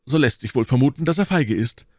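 A man's voice: medium pitch, animated, brisk, a little mellow, no echo, studio quality, voice pushed up, close to an everyday voice. A man reading an audiobook, voicing a proud, dignified male musketeer in a firm, formal manner. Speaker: audiobook reader.

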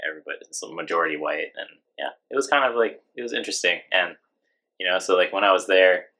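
A man from Hawaii being interviewed, talking in a relaxed, rambling way with lots of fillers. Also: low-pitched, fast, low-quality recording. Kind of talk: casual interview conversation.

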